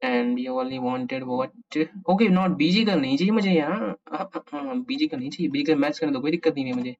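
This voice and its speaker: A man's voice: on the high side, expressive, normal speed, darkish tone. A man with an Indian accent giving a casual coding tutorial, thinking aloud playfully and mixing Hindi with English. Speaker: programming tutorial host. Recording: dull lo-fi microphone sound.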